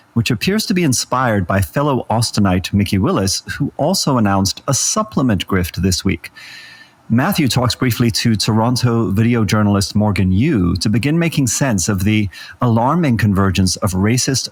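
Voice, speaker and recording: A male podcast co-host with a fairly low voice reads a scripted episode introduction. His delivery is measured and even. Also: breathy edge. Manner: measured read-aloud delivery.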